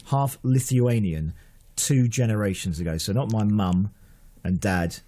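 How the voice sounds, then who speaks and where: A man's voice: fairly low pitch, measured pace, warm tone. A man hosting a casual radio interview in a studio, chatty and joking at his own expense. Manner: chatty, jokey, self-deprecating. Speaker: radio host.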